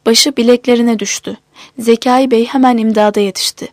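A woman narrates an audiobook in a measured, even voice. Her pitch sits a little above average. The recording is dry and close, with no room sound. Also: no room sound.

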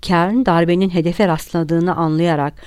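Woman reading an audiobook in a low voice. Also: steady tone, normal speed, darkish tone, clear, resonant tone, dry recording, clean studio sound. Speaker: audiobook reader. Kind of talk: scripted audiobook narration.

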